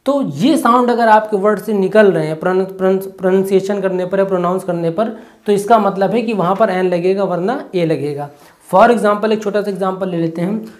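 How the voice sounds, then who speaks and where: A teacher giving an exam-prep lesson, stepping through each point by asking a question and then answering it, and checking in often with a quick "okay". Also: medium pitch, darkish tone. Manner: asks and answers own rhetorical questions.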